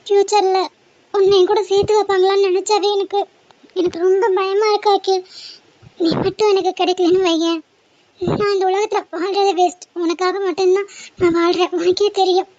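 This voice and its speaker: A woman voicing an anxious, devoted young woman in love in a homemade animated cartoon, pleading and clinging. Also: a little fast, dry recording, highs cut off. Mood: pleading, fearful. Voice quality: very high, girlish.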